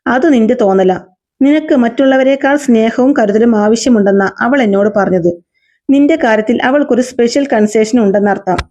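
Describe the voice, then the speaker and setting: Woman voicing a calm, reassuring young man. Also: on the high side, moderate pace, lightly acted. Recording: slightly dull lo-fi recording.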